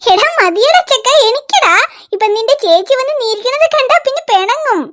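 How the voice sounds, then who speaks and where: A woman voicing a young cartoon mother who is patient with her baby and quick to scold the older child. She coaxes in a sing-song voice and turns sharp when she scolds. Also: very high-pitched, expressive, heavy background noise. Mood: coaxing. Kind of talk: home-made cartoon voice acting.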